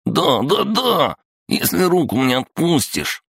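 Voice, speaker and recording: A man's voice: fairly high pitch, big pitch swings, slow pace, fairly bright tone, slightly rough, no room sound, studio quality, voice pushed up, exaggerated voice. A man voicing a tall, arrogant young male street thug who speaks in a nasal, rude, demanding way in an audiobook. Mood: pained. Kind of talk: audiobook character voice.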